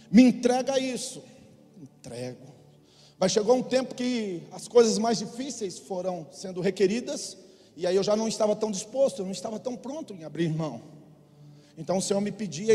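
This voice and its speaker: A man's voice: sits high, warm tone. A middle-aged male pastor from Brazil preaching a sermon, leading the congregation in call-and-response. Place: church hall. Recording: long hall reverb.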